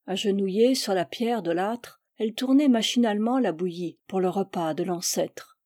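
A woman narrating a classic French short story in a measured, expressive reading. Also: mid-range voice, no room sound, studio quality. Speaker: reader. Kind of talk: literary audiobook narration.

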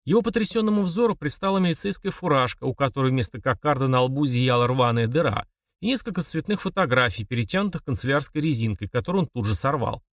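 A man's voice: medium pitch, lively intonation, quick pace, no room sound, studio quality, far from the mic. Man narrating a thriller audiobook. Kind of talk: scripted narration.

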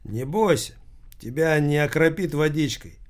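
A man's voice: medium pitch, moderate pace, close to an everyday voice. A man voicing a playful, mocking male retail businessman in an audiobook, speaking in a teasing tone.

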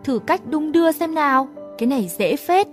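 Woman doing a teenage boy, brash, clumsy, shouty, slightly high voice, faint music under the audiobook. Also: expressive, brisk. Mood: bossy. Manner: shouting, bossy, hot-tempered. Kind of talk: audiobook character voice.

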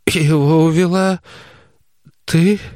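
A man doing a hoarse, frightened old mother. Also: fairly high pitch, fairly even intonation, slow pace, a little mellow, no room sound, clean studio sound, pitched above the performer's own voice. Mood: fearful. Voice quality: hoarse, wheezing. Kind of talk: audiobook character voice.

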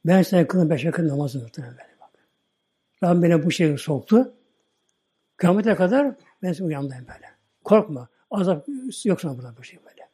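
A man's voice: on the high side, quick pace, husky. A man voicing a kind, glowing spirit being. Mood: reassuring. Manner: calm, reassuring.

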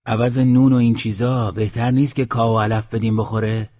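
A man's voice: medium pitch, level tone, a little mellow, close to an everyday voice. A man voicing a worried male village headman who pleads and frets, on a dull lo-fi audiobook recording. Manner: anxious, pleading.

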